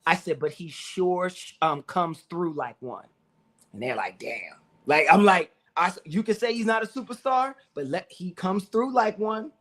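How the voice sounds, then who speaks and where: Animated high-voiced man talking sports. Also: normal speed, few pauses. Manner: animated storyteller, acts out friends' lines. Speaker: sports show co-host. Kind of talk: casual sports talk.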